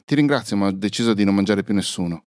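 A man voicing a gentle male water spider in a storybook, speaking softly and kindly. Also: on the low side, no room sound, clean studio sound, lightly acted. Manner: soft, kindly, unhurried.

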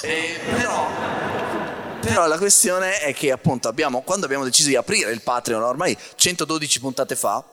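A man hosting a live podcast in casual chat, explaining things haltingly with dry jokes. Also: a little high, expressive, very noisy. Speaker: podcast host. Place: live show in a church.

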